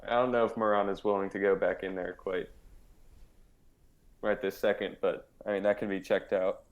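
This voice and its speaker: An easygoing man with a low voice talks as a player in a tabletop game. He sounds tentative and relaxed in the chat. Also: moderate pace, lo-fi sound.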